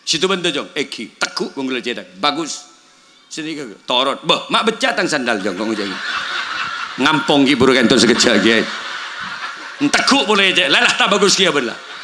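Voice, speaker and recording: A man's voice: mid-range voice, very animated, normal speed, background noise. A man with a Madurese accent giving a comic sermon at a village gathering, telling jokey stories and acting out dialogue in several languages. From Madura, Indonesia. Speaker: preacher.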